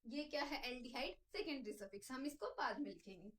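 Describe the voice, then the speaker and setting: A woman's voice: sits high, lively intonation, brisk, distant mic, a little hiss or hum, rough recording. A woman teaching a chemistry lesson, explaining step by step and answering her own questions as she goes. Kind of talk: classroom lecture.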